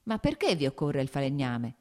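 A woman's voice: rumbling low, big pitch swings, normal speed, darkish tone. A woman doing an evasive farm steward. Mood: excusing. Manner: excusing, shrugging tone. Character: evasive farm steward man, full of excuses.

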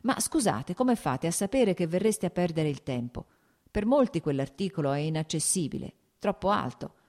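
A woman voicing a bitter, ailing man who argues in agitated, shouting outbursts, read as an audiobook character. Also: fairly low pitch, lively intonation, moderate pace. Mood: irritable.

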